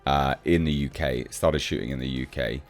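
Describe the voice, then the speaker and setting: A man who hosts a channel and reviews films riffs casually on film news in a blunt, sceptical manner. His voice is a rumbling low and a little fast, with soft music playing in the background.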